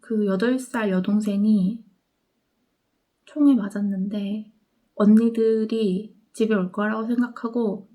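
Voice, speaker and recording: Earnest young woman with a mellow voice. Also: medium pitch, fairly even intonation. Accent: Gwangju. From Korea. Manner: earnest, halting, often trailing into soft whispered ends. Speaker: book vlogger. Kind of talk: personal reflective talk.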